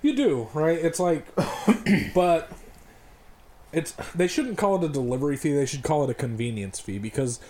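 A man's voice: on the high side, lively intonation, normal speed, a little mellow. A man co-hosting a podcast in casual, profane, joking chat, sometimes talking with his mouth full. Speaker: podcast co-host.

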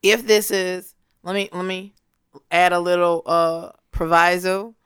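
A woman's voice: on the low side, fairly even intonation, unhurried, fairly bright tone, clean tone, no room sound, clean studio sound. A woman co-hosting a podcast, teasing and playful in casual crude banter. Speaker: podcast co-host.

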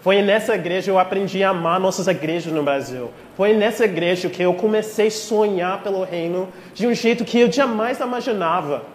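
A male guest preacher with a noticeably high voice and an American English accent in his Portuguese. He speaks to a congregation informally and with feeling. The sound rings with long reverb in a church hall, over faint noise. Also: brisk, few pauses. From Texas, United States. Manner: heartfelt, emotional, playful asides. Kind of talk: informal sermon to a congregation, with prayer.

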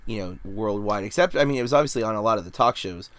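A man's voice: fairly low pitch, fast, a bit bright, no room sound. A man in his forties hosting a casual film review podcast, talking in a rambling way with lots of fillers and hedges. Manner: rambling, hedging, many fillers. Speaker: podcast host reviewing films.

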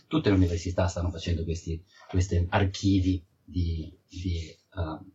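A man's voice: low voice, little pitch movement, normal speed, a little mellow, slight background noise. A man from Italy giving conversational technical answers in an interview, often repeating words and restarting as he explains. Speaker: interviewed field geology researcher. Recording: dull, muffled audio.

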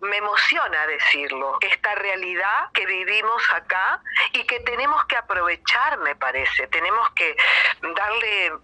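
Middle-aged Argentine woman, effusive and rambling, bright sharp tone; guest musician in a chat interview. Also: mid-range voice, expressive, unhurried, rough recording. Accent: Argentine Spanish. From Buenos Aires province, Argentina. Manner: effusive, rambling, restarts often.

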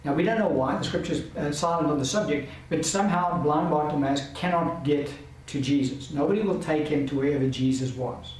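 A man delivers a Bible lesson in an earnest, emphatic voice that sits a little high for a man. He stands back from the microphone, so his voice rings through a very echoey space over a faint hiss. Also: a little fast, recorded from a distance. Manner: earnest, emphatic, repeats key points. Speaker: Bible teacher. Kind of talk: teaching lecture.

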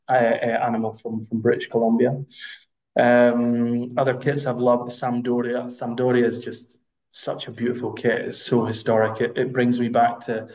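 Scottish male podcast guest, monotone, halting with fillers. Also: mid-range voice, poor audio. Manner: hesitant, many fillers and restarts. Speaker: brand representative guest. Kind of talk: podcast interview.

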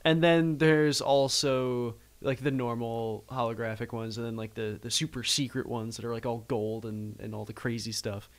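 A man's voice: medium pitch, level tone, moderate pace, few pauses. A man in casual chat, telling stories in a rambling way with lots of fillers. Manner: rambling storyteller with many fillers.

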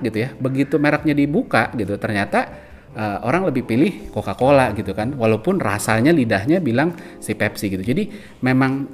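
Casual talking man explaining. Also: medium pitch. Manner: loose, conversational, many fillers and restarts. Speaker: podcast host.

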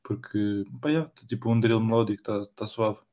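A man's voice: on the low side, normal speed, warm tone. A young man chatting casually in slangy, somewhat hesitant phrases. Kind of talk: casual chat.

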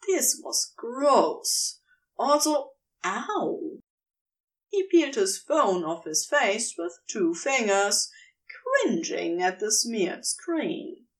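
A woman reading a fanfiction audiobook with wry, unhurried storytelling. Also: fairly high pitch, recorded from a distance. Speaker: podfic reader.

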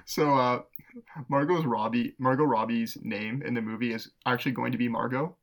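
Chatty man with a gravelly voice. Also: medium pitch, steady tone, moderate pace. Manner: laughs often, rambling with fillers. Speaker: podcast co-host. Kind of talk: casual chat.

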